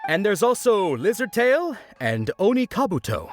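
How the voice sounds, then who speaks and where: Game festival vendor played by a woman: cheerful, showy, medium pitch, lively delivery over music. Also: normal speed, natural voice. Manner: showy, encouraging, addresses children playfully. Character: cheerful festival candy vendor playing a children's knight. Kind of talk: video game character acting.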